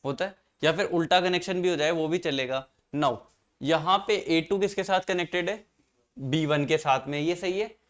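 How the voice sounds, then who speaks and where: A man's fairly high voice, at normal speed, leads an engineering lecture: he breaks down circuits in steps and keeps testing his students with questions.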